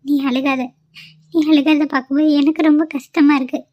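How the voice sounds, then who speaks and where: A woman's voice: high-pitched, steady tone, fairly quick, no room sound, natural voice. A woman voicing a caring, consoling middle-aged mother-in-law in a cartoon, on a dull lo-fi recording. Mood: soothing. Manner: soothing, consoling.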